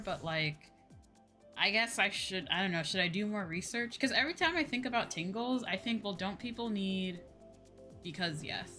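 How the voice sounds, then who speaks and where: This woman has a medium-pitched, bright voice with a forceful tone. She's a streamer and VTuber host gaming as she talks loosely with viewers, wandering off topic, saying the same phrases again and cursing without restraint, while video game music plays.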